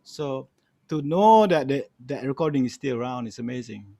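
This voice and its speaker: A middle-aged man with a Malaysian accent, a guest storyteller and music archivist on a panel, tells anecdotes casually and emphatically, repeating phrases and often saying "you know." His medium-pitched voice is animated, gravelly and dark, at a moderate pace. The sound is clean studio quality with no room noise.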